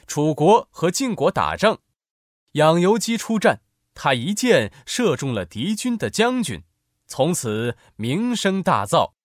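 A man narrating a children's story in an expressive, animated way. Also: fairly high pitch, no echo, studio quality.

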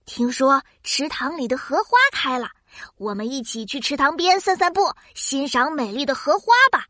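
A cheerful little girl hosts a children's science cartoon in a very high, bright voice with a dry, close sound. She speaks at normal speed, childlike and curious, full of wide-eyed exclamations and an inviting mood.

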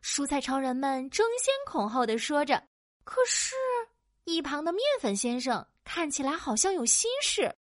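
Animated woman narrating a children's story. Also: sits high, normal speed, few pauses, dry recording, clean studio sound. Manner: animated, playful, sound-effect words.

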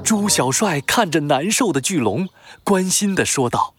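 A narrator reading a scripted children's story in a dramatic, expressive way. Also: medium pitch, normal speed, a little hiss or hum.

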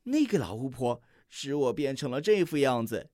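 A storybook reader voicing a kind, playful young deer in a soft, gentle, yielding voice. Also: medium pitch, sing-song, moderate pace, no room sound, studio quality, lightly acted.

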